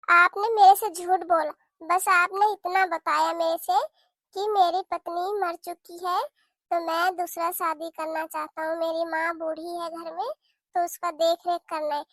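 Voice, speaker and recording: A newly married cartoon stepmother speaks in a high, bright voice, complaining and reproachful, as a woman acts her out. The tone is sharp and scolding. The recording is dry and close. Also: dry recording.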